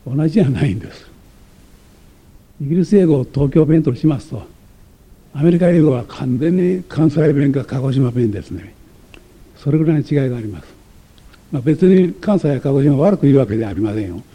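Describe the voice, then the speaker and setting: A man's voice: mid-range voice, warm tone, husky. A man giving a lecture, reading passages from a text aloud and explaining them, with many hesitations, self-corrections and side remarks.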